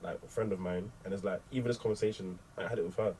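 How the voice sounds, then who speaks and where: A young man with a London accent, hosting a casual podcast chat in animated slang. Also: deep voice, quick pace, distant mic, a little hiss or hum, poor audio. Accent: London English. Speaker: host.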